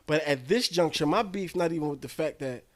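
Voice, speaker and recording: A man in his forties co-hosts a podcast in easy, casual chat. His voice sits high for a man, and he talks in an animated way, laughing often and breaking off to restart his thoughts. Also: fairly quick. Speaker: podcast co-host.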